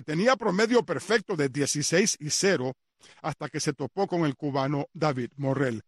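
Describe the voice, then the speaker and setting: A man's voice: medium pitch, no echo. A man hosting a sports radio show, chatty and repetitive, with frequent hesitant fillers. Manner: chatty, repeats details, many fillers. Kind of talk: casual radio sports commentary.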